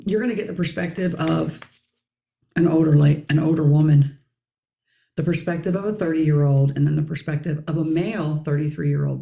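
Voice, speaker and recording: Hoarse, raspy middle-aged woman hosting. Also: low-pitched, dark tone, roomy sound. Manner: keeps clearing her throat. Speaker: podcast host. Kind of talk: casual podcast discussion.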